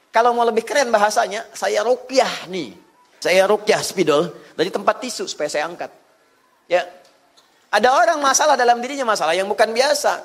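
A man preaching a sermon, animated and informal, swinging between loud emphatic bursts and soft low asides, with occasional laughter. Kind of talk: sermon with audience questions.

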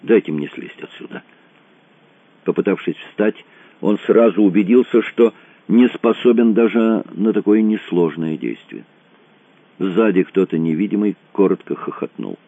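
A man narrating an audiobook in an expressive reading style, in a tinny, dry recording. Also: lowish voice, normal speed, no echo. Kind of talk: scripted narration. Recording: tinny phone-like dry sound.

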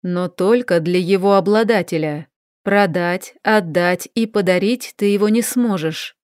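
A proud male warlock from a fantasy audiobook, as a woman reader puts him on, pitched lower than her own voice. He hisses and talks down coolly, dodging blame. The sound is close and dry. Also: unhurried, darkish tone, no echo, lightly acted. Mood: defensive. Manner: cool, hissing, condescending. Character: haughty male warlock, defensive and evasive.

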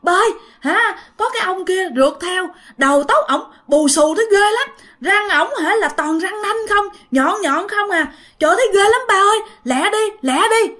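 A woman's voice: extremely high pitch, lively intonation, normal speed, sharp tone, pitched above the performer's own voice, heavily acted. A woman storyteller voicing a frightened boy of about eleven, crying out breathlessly. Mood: scared.

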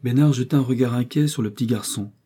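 A man narrating a novel as an audiobook reader in a measured, even way. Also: medium pitch, slightly rough. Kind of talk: scripted narration.

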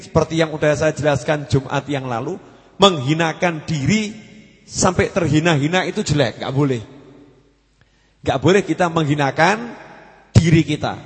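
Male preacher, high voice, explanatory sermon style, echoing hall. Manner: explanatory, repeats key phrases. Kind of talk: Islamic study sermon.

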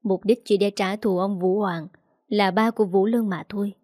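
A woman's voice: mid-range voice, fairly even intonation, normal speed, a little mellow, no echo, studio quality, close to an everyday voice. A woman voicing a grave, generous young husband. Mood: earnest.

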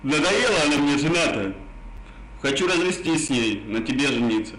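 A man's voice: fairly high pitch, big pitch swings, moderate pace, a bit bright. A man coaxing insistently in a casual phone chat, repeating himself, his r sounds burred and indistinct. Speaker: prank caller. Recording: echoey phone call, faint noise.

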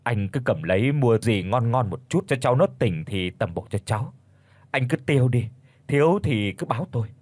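A man voicing a calm, apologetic older gentleman who speaks in a soothing, polite way, with a husky voice. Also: mid-range voice, normal speed, no echo, lightly acted.

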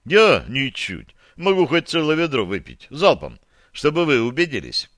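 A man's voice: mid-range voice, huge pitch swings, normal speed, a bit bright, no room sound, pitched above the performer's own voice. A man voicing a frightened, dazed young soldier who answers eagerly in strained replies, in a dry recording.

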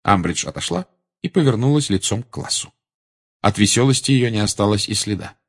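Husky, expressive male audiobook narrator. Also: on the low side, a little fast. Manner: expressive storytelling. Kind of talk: scripted narration.

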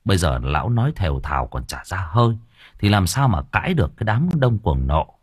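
A man narrating a story audiobook in a lively, expressive reading. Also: low-pitched, brisk, breathy edge, dry recording, studio quality.

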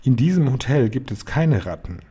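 A man's voice: medium pitch, very animated, moderate pace, dark tone, husky. A man doing a pompous, flustered hotel manager. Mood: outraged. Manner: stiff, formal, stammering when cornered.

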